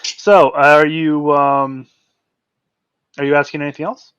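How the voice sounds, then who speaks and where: Guy dm narrating the game, kinda high voice, lots of ums and restarts, dry mic. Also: little pitch movement, a little slow, a bit bright, clean tone, no room sound, lo-fi sound. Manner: hesitant narration with fillers and restarts. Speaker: game master.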